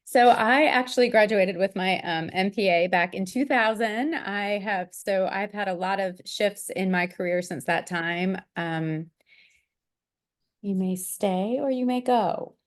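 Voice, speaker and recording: A woman's voice: mid-range voice, measured pace, few pauses. A woman from Florida on a video call, chatting casually about her career as an alumni panelist, laughing now and then. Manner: chatty, laughing, mildly distracted by a child.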